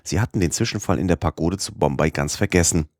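A man narrating a classic novel as an audiobook in a steady, even way. His voice is very deep, and the close studio sound is completely dry. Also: fast talker, no room sound.

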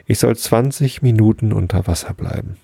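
A man's voice: lowish voice, normal speed, vocal fry, mellow, dry recording. A man voicing a cheeky, defiant little male rabbit in a bedtime story.

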